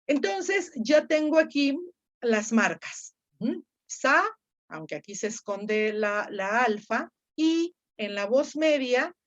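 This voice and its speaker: A woman's voice: on the high side, muffled recording. A woman teaching Ancient Greek grammar, explaining patiently step by step and quizzing her students. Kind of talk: online grammar lesson.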